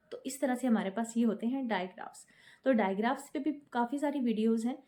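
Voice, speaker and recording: A woman teaching children's phonics in a video lesson, sounding out letters slowly and patiently. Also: on the high side, dark tone.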